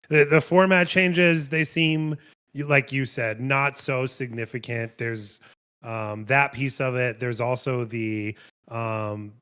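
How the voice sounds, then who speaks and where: Man, podcast co-host, relaxed chat, mid pitch. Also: clean tone.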